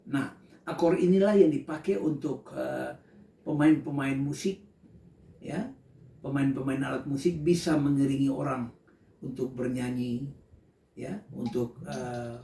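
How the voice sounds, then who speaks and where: A male music teacher talks slowly and patiently through a recorded lesson, pausing often to check in with his students. His voice sits a little high for a man but sounds soft and mellow. He is heard from some distance in an echoey room. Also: vocal fry. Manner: patient, explaining step by step with frequent "ya" check-ins. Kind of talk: recorded home-learning lesson. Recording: roomy echo, voice far from the mic.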